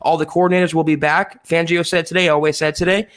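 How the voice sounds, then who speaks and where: A man with a slightly high voice co-hosts a live sports podcast. He talks casually and addresses the viewers directly. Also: level tone, quick pace, fairly bright tone. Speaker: podcast co-host.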